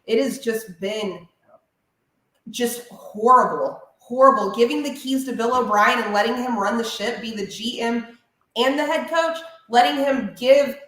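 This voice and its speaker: A woman who hosts a sports radio show, ranting in an animated, opinionated way during a casual podcast chat. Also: fairly high pitch, unhurried. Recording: very echoey room.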